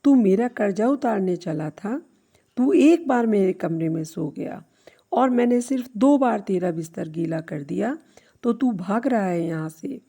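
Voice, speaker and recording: A woman voicing an aging mother who speaks calmly and gently in a storybook tale. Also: medium pitch, unhurried, vocal fry, breathy edge, heavily acted. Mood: reproachful. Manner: calm and gentle. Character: aging mother, patient, loving, stern.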